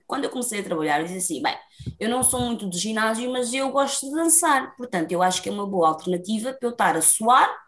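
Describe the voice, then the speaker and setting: Her voice sits in the mid range. She's a young dancer from Lisbon with the city's Portuguese accent, a talkative, animated interview guest who laughs frequently as she recounts her story.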